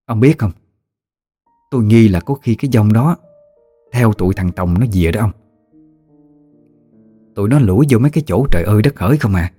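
A man's voice: lowish voice, fairly quick, long pauses, darkish tone, faint music behind, lightly acted. A man voicing a bold, teasing middle-aged country wife, with a Southern Vietnamese accent. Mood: soothing.

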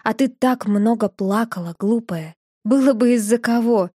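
A woman voicing a gentle, remorseful young man who speaks softly and tenderly in an audiobook. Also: a little high, normal speed, dry recording, studio quality, lightly acted. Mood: confessional. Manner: soft, quiet, tender.

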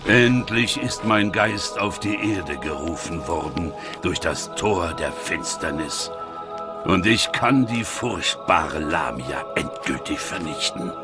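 An actor playing a solemn ancient sorcerer's ghost risen from the grave, speaking gravely and declaiming in a horror audio drama. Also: male voice, deep voice, animated, slow, full character voice. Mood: solemn triumph. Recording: music behind the voice.

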